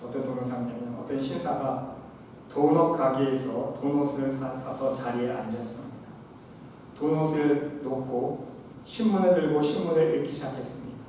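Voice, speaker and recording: Male pastor, preaching, emphatic swings from loud to soft, big reverberant church hall, faint room noise. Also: mid-range voice, normal speed. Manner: emphatic preaching, swinging between loud exhortation and quiet asides; addresses the congregation often. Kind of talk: sermon. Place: church sanctuary. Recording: echoey church hall, preacher far from mic.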